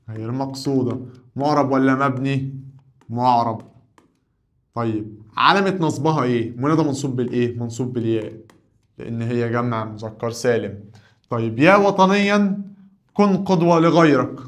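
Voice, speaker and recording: A man with an Egyptian accent, an Arabic teacher who runs a grammar lesson by firing questions and answering them himself, his voice rising on the questions and dropping low on the answers. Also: normal speed, long pauses.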